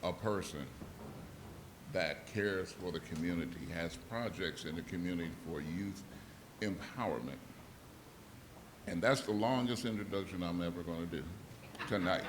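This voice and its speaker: A man's voice: deep voice, moderate pace, pauses often, background noise. A man acting as emcee, giving a plain, matter-of-fact introduction of the next speaker. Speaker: event emcee. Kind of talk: brief introduction. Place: large auditorium.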